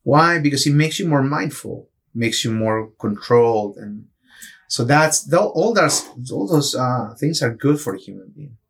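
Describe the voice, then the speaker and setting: A man's voice: mid-range voice, expressive, unhurried, gravelly, husky. A middle-aged man from Peru, a neurosurgeon guest in an interview, explaining things earnestly with frequent restarts. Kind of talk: interview answers.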